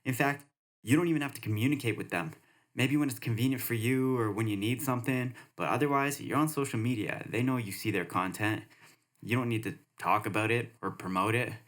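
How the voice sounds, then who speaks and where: A man's voice: mid-range voice, brisk, a bit bright. A young man hosting a podcast, with a sarcastic then earnest, reflective way of talking. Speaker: podcast host. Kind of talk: podcast monologue and interview.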